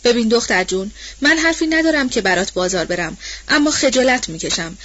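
A fussing, stubborn old nanny, put on by a woman reader scolds in a homely, colloquial storybook voice. Her voice sits fairly high. The recording sounds dull and lo-fi. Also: animated, a bit bright. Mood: pleading. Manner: colloquial, nagging and protective.

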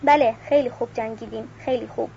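A woman's voice: fairly high pitch, steady tone, creaky, warm tone. A melancholy aristocratic army captain speaks with weary refinement, as a woman reading the novel voices him. The recording is dull, with faint hiss.

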